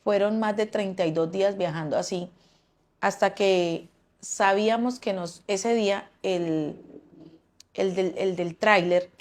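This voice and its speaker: A woman's voice: mid-range voice, unhurried. A woman giving a personal testimony, often stopping and repeating words as she recounts events.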